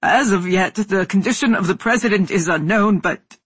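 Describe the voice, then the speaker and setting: A woman voicing a male war correspondent reporting slowly and haltingly from a disaster scene. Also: mid-range voice, husky, no echo, lightly acted. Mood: stunned. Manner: halting, slow, emotional reporting.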